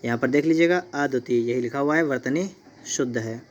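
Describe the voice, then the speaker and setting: A male teacher from India works through exam spelling questions in Hindi. He speaks at a middle pitch and walks the class step by step, slowing down to spell each tricky word. He keeps checking in with his students as he goes. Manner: repeats "theek hai" and "dekhiyega", spells words out slowly. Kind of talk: exam-prep lesson.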